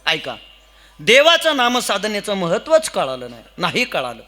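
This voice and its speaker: A man's voice: high-pitched, wildly swooping pitch, normal speed, sharp tone. A man preaching a humorous devotional kirtan sermon, telling a village story and chanting verses.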